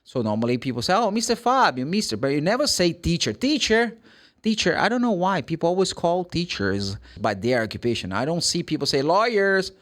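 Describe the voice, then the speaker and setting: A Brazilian-accented man whose first language is Portuguese teaches an informal English pronunciation lesson, speaking fairly quickly. His slightly high voice rises and falls in a very lively way. Emphatic like a classroom teacher, he poses questions, answers them himself, and acts out short examples.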